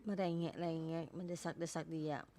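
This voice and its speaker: A woman preaching a sermon in a halting way, repeating words for emphasis. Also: deep voice, level tone, mellow.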